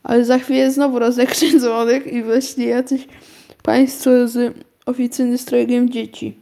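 Gentle woman reading a children's story. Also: on the high side, level tone, normal speed, gravelly.

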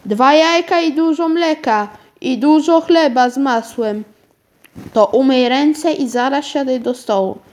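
A woman's voice: sits high, measured pace, darkish tone. Woman reading as a fussy, flustered old aunt. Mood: relieved. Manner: flustered, questioning. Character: fussy, bewildered elderly aunt. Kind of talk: storybook reading.

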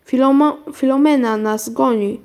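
A woman's voice: sits high, moderate pace, darkish tone. A woman voicing an agitated, protective male taxi driver in a children's story. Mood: urgent. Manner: urgent, agitated.

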